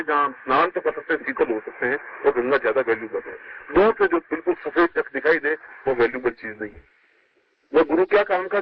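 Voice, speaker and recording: A man giving a sermon as a spiritual guru to his disciples, emphatic and swooping between high and low, heard from an old worn tape recording. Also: vocal fry, slightly rough. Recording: muffled hissy old tape.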